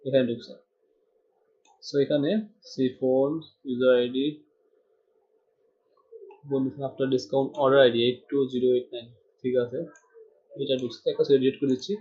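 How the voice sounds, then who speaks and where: A man from Bangladesh teaches programming in a screen-recorded tutorial, voicing his thoughts as he types and using English terms here and there. He keeps a measured pace and level mid-range tone, leaving long pauses. The recording has a dull, lo-fi quality.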